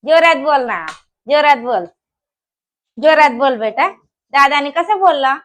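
A young woman from Maharashtra with a high voice chats casually while she cooks. She drops into soft, murmured asides to her viewers and lifts her tone to coax and scold her children. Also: lively intonation, unhurried. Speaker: vlogger and mother. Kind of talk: casual cooking vlog chat.

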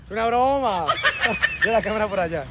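A man's voice: sits high, expressive, moderate pace, a loud crowd. A Colombian man pulling a street prank, repeating himself with theatrical, exaggerated indignation. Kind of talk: street prank, mock confrontation.

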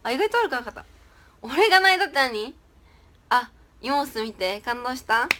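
Young woman, casual livestream chat, giggly, fairly high voice. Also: big pitch swings, moderate pace, bright, forceful tone. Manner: chatty, giggly, reads and answers viewer comments. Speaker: idol livestreamer.

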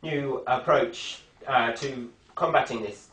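A man's voice: medium pitch, slow, a bit bright. A young man playing an earnest TV reporter, in the manner of a parody news anchor. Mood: polite interviewing. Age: young adult. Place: indoor hospital ward, camera microphone at a distance. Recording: echoey room, distant microphone.

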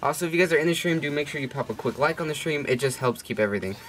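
A man's voice: on the high side, lively intonation, racing, fairly bright tone, a little hiss or hum. A young man livestreaming a game, chatting casually and joking with chat and friends, swearing freely. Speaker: streamer.

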